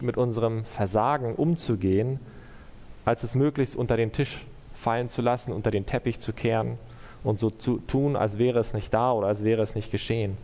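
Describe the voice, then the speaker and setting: A pastor preaches a sermon in German and then leads a prayer, sounding earnest and measured as he puts rhetorical questions to the congregation. His voice is medium-pitched with a darkish tone, and the recording has a big-room sound.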